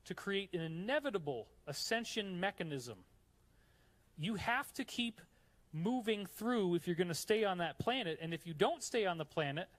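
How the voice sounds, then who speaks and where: A man from New York giving a live lecture with slides in a hot room, explaining eagerly and chatting to the audience between points. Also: high-pitched. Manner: enthusiastic, chatty asides to the audience. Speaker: conference speaker.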